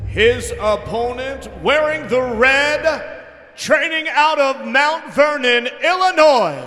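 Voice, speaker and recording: A man working as ring announcer at a grappling event, calling out fighters with booming, drawn-out names. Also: pushed and bright. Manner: booming, drawn-out name calls. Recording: echoey hall with long reverb.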